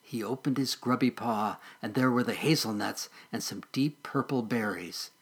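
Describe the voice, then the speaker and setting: A man reading a children's story aloud as a storyteller, gentle and expressive, slowing and softening for sad parts. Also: mid-range voice, husky.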